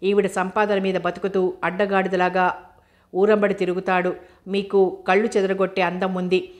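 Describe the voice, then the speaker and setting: An older woman teacher offering earnest, confiding advice, read by a woman in a flat, even voice. She is motherly and frank. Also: medium pitch, moderate pace, close to an everyday voice.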